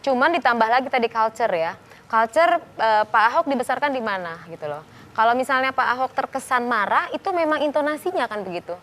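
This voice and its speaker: Quick-talking woman analyst on a talk show. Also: a little high, lively intonation, a bit bright. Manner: explanatory, quick, quotes imagined dialogue. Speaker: behavior analyst guest.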